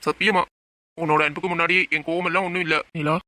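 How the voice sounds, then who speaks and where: A man voicing a quick-tempered young man who is in love, delivering his lines in a heated, rapid-fire way in an amateur audio drama. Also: fairly high pitch, flat delivery, bright, forceful tone, slight background noise. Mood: tender.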